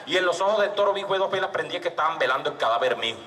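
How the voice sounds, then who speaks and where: A man telling a comic story on stage, animated and full of sound effects and shouts, at a live storytelling event. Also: fairly high pitch, racing. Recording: echoey stage mic from far off.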